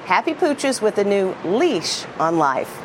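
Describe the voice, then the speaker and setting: A woman speaks as a tabloid TV host, presenting scripted teasers with a punning touch. Her pitch sits in the middle range, and there is clear ambient noise behind her. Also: sing-song, slow pace. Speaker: tabloid TV news show host.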